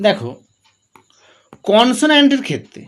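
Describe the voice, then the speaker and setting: Male teacher: high, animated delivery that quizzes and answers itself. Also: normal speed. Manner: asks questions and answers them himself, drilling examples. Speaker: English grammar teacher. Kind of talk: classroom-style explanation.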